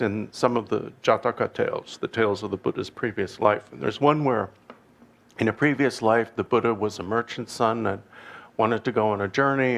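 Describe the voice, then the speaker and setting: A Buddhist teacher with a Canadian accent gives an informal dharma talk, his speech halting and digressive, laced with wry, self-deprecating humor. His voice is medium-pitched with some vocal fry.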